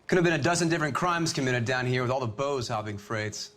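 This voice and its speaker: Game role: male actor as terse, jaded 1930s-40s American beat cop, medium pitch, slight background ambience. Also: animated, fast, a bit bright, slight background noise, natural voice. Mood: weary, matter-of-fact. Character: world-weary 1940s beat cop. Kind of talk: acted period crime drama.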